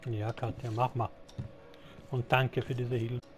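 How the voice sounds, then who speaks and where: A man's voice: mid-range voice, little pitch movement, unhurried. A man giving casual let's play commentary, answering the game characters as he plays. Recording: background game noise. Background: game sound.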